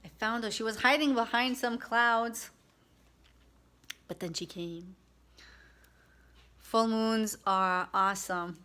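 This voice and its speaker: Slow, bright-voiced woman vlogging. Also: fairly high pitch, steady tone. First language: Hebrew. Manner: slow, searching for words, many fillers and restarts. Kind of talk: casual spiritual vlog monologue.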